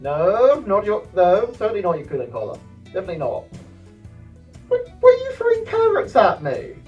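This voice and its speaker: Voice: medium pitch, huge pitch swings, moderate pace, darkish tone, highs cut off. British fursuiter talking inside a costume head. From United Kingdom. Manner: chatty, playful, rambling with fillers. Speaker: fursuiter vlogger. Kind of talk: casual comedic vlog. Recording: distant voice with background music.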